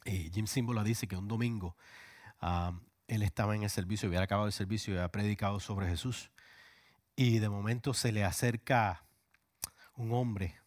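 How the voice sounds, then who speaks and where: A man's voice: lowish voice, fairly even intonation, moderate pace, dry recording, clean studio sound. A male pastor preaching a sermon with passion, sometimes dropping to a whisper. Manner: impassioned, drops to a whisper at times.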